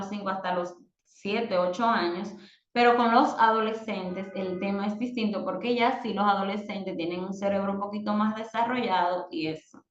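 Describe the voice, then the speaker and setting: A woman, a mother, teaching an online parenting course and giving direct advice with slow, emphatic stresses. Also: mid-range voice, reverberant, dull audio.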